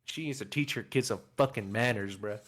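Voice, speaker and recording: A man's voice: lowish voice, brisk. A man co-hosting a casual movie review chat, swearing a lot, laughing often and acting out scenes. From Mexican-American family. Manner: profane, laughs often, animated retellings. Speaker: podcast co-host.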